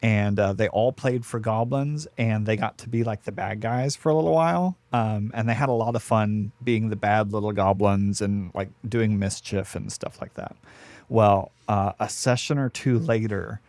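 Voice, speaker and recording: A man's voice: lowish voice, steady tone, moderate pace, darkish tone, no room sound. A man telling a gaming story on a podcast, rambling and hesitant. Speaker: guest, dungeon master.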